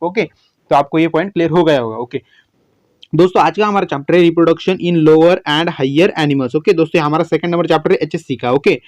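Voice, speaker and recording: A man solving exam questions as a biology teacher, chatty, often saying "okay", reading English questions slowly word by word. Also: on the high side, darkish tone, no room sound. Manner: chatty, repeats "okay" and "friends", many restarts. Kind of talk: exam-prep lesson, solving MCQs.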